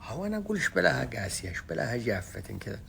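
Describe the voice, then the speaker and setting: A man's voice: lowish voice, big pitch swings, racing, vocal fry, sharp tone, a little hiss or hum. A man with a Gulf Bedouin Arabic accent, chatting casually to his followers as a vlogger in a colloquial, jokey storytelling way. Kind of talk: casual vlog chat to followers.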